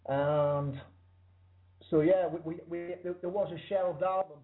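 British bloke, musician chatting on a call-in interview, voice a bit high, tinny phone quality. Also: male voice, steady tone, a little slow. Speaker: interview guest, band musician. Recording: thin internet call line.

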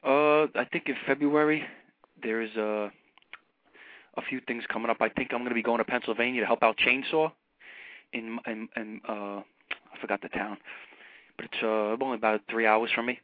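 A man's voice: mid-range voice, fairly even intonation, moderate pace, pauses often, dry recording. A man with a Brooklyn New York accent, chatting casually as a caller over the telephone. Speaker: phone-in caller. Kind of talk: casual chat. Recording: muffled, lo-fi phone call.

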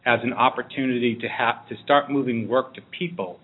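A man explaining things as an interview guest in a measured way. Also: medium pitch. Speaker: interview guest, regional planning director. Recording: narrow muffled phone-like sound with faint noise.

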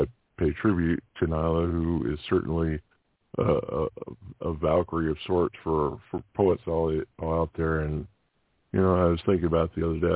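A very deep, husky man is heard calling in to a radio show over a tinny phone line. He chats haltingly with fillers and restarts, then recites his own verse. The sound is dry and close. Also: no echo. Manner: halting, many fillers and restarts when chatting. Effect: heard over a phone line on a radio call-in show. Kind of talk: poetry recitation and casual chat.

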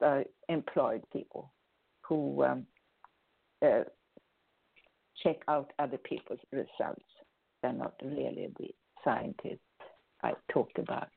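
A woman with a low, gravelly voice gives earnest advice to her listeners. She rambles and restarts her sentences as she goes. Her audio is thin and tinny, like a phone line. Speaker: host answering listener questions. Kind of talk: spoken advice talk.

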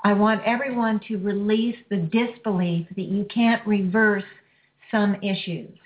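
A woman's voice: medium pitch, fairly even intonation. Woman guiding a healing release on a phone-quality line. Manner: slow, soothing, repetitive phrasing. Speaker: energy healing radio host. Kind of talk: guided healing session with a caller. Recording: phone-like lo-fi audio.

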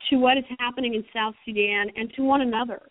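A woman's voice: fairly high pitch, fairly even intonation, fast talker, no echo. Woman, middle-aged, passionate, rambling, tinny phone sound, dry. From United States. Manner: passionate, rambling, frequent restarts. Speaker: screenwriter guest. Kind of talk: phone-in interview.

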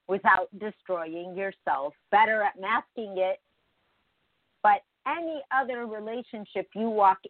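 A woman's voice: a little high, no room sound, narrow, tinny audio. A woman hosting a morning show, talking conversationally and emphatically straight to her listeners in a reflective spiritual monologue.

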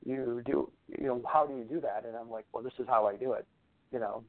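Over a tinny, phone-like line, a male natural medicine practitioner appears as a talk show guest. His medium-pitched voice is fairly even and a little fast, and his conversational interview talk is casual and rambling, often repeating words as he explains his advice.

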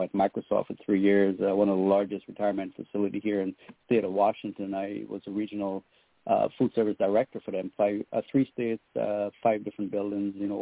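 A man's voice: lowish voice, gravelly, no echo. A middle-aged man from Trinidad and Tobago, a guest on a radio interview, talking earnestly about his faith and work with many fillers. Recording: tinny phone line, dry.

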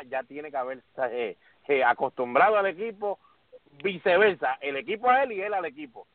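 Animated man on a tinny phone line. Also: on the high side, no room sound. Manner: animated, addresses co-host by name often. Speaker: sports podcast host. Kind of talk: casual sports talk.

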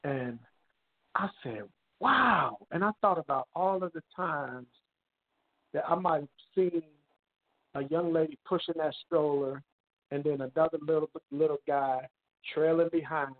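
A man talks over the phone on speakerphone, tucked away in a bathroom. His speech is halting and full of repeats. The line sounds thin and tinny, and his voice sits a little high. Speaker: caller in a prayer group. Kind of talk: casual church prayer-call sharing.

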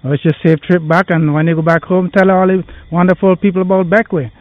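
A man's voice: high-pitched, flat delivery, quick pace, muffled recording. A man, a local giving a friendly greeting message to the show with some hesitations. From Bequia, Saint Vincent and the Grenadines.

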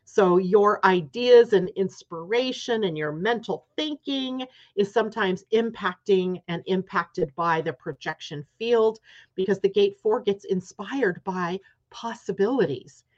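A woman's voice: medium pitch, a little slow, highs cut off. A woman hosting a live astrology show, reading a guest's chart and explaining it step by step, often checking in with "right?". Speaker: astrology host.

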